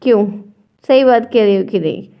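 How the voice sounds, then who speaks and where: A young woman teaching an exam-prep grammar lesson, talking slowly and patiently with a tired, strained throat and frequent check-ins with her viewers. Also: a little high, creaky, highs cut off.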